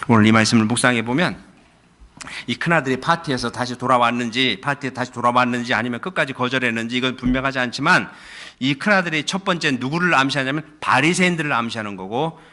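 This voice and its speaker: A middle-aged man preaching a Sunday sermon as pastor, putting questions to the congregation and repeating phrases, moving between soft low lines and sudden high, loud stresses. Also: quick pace.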